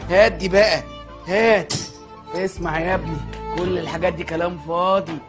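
A man acting out a fretful, God-fearing Egyptian chicken seller in a TV comedy, his voice pitched very high as he rattles off scolding and pleading lines at a brisk clip. A music score plays under him. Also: fairly even intonation, natural voice. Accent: Egyptian Arabic. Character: pious, fussy male chicken-shop owner and anxious father. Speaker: comic lead in a TV comedy series.

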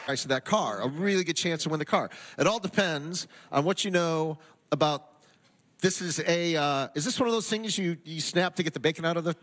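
A man's voice: fairly high pitch, a little fast, fairly bright tone. A middle-aged American man hosting a game show, explaining rules off the cuff in a casual, joking way. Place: large TV studio with audience. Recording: studio crowd and music behind. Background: crowd and music.

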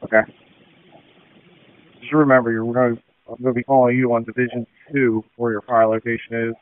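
A man's voice: medium pitch, level tone, fairly quick, no echo. An American man acting as a fire incident commander, giving orders over two-way radio. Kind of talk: emergency radio dispatch traffic. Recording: muffled, tinny two-way radio audio.

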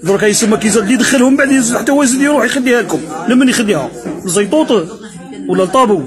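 Fast, mocking Algerian man ranting. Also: extremely high pitch, lively intonation, crowd noise. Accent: Algerian Arabic. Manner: mocking, sarcastic, addressing opponents directly. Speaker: political commentator. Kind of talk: impassioned political rant.

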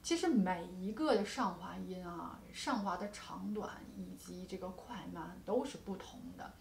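A woman's voice: lowish voice, animated, measured pace, vocal fry. Woman guqin teacher, patient and explanatory, studio with a faint hiss and room echo. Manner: patient explaining with frequent soft particles. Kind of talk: music lesson with demonstrations. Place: music studio.

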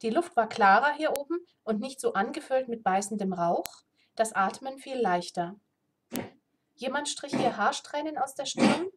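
A woman reading aloud from her own book in a chatty way, pausing to roll dice and chat. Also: a little high, lively intonation, slight background noise. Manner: chatty, self-interrupting.

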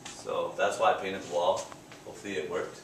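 A young man with a low, unhurried voice talks loosely about his art, pausing on fillers and restarting phrases. He is recorded on a camera close by inside an echoey gallery, with a faint hum of ambience behind. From Canada. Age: young adult. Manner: relaxed, rambling, with fillers and restarts. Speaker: painter interviewed at his exhibit. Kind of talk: casual interview answers. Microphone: handheld camera close by.

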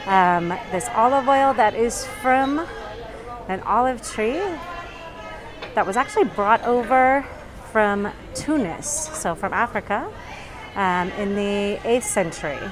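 A woman's voice: medium pitch, slow pace, music in the background. A woman guiding a casual walking tour, her speech muffled as she talks through a face mask. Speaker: local tour guide vlogger. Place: covered market and its entrance. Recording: noisy handheld recording with market ambience.

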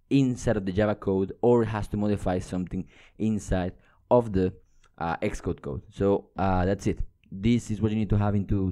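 A young adult man with a fairly low, warm voice gives a casual, explanatory coding tutorial as an instructor. He speaks into a close microphone while indoors at a computer.

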